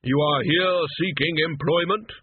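A man voicing Death, an ancient skeleton reaper, solemn and imperious, speaking in a slow, measured, pompous way. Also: on the high side, phone-quality sound, slight background noise, lightly acted. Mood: solemn, formal.

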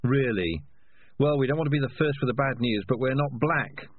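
A man voicing a cat's dry, needling inner conscience in a storybook reading, pitched up from his usual voice. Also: normal speed, breathy edge, phone-quality sound, close to an everyday voice. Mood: sarcastic. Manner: sarcastic, needling.

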